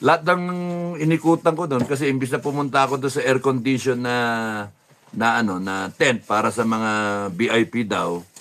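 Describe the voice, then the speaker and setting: A man telling a casual anecdote. He is animated and laughs often, sometimes drops to a low, soft mumble, and acts out the voices of people he quotes. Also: moderate pace. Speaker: storyteller recounting a rally.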